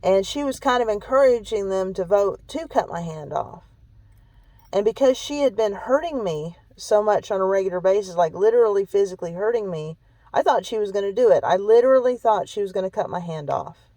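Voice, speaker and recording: A woman's voice: mid-range voice, expressive, fairly quick, warm tone, no room sound, rough recording. A woman vlogger recounting a personal story in an emphatic, repetitive way, often checking in with "okay?" and sounding shaken. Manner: emphatic, repetitive, keeps adding "okay?" and "really"; emotionally shaken when recounting hurt.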